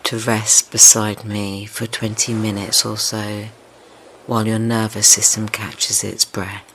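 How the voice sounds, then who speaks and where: A man with a fairly low voice leads a slow yoga nidra guided meditation, gentle, soothing and tender, leaving long pauses between unhurried phrases. Steady ocean waves sound behind his voice throughout.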